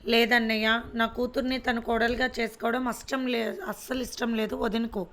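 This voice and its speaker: A woman voicing an angry, sarcastic middle-aged mother, loud and taunting in a flat, fairly high voice. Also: normal speed.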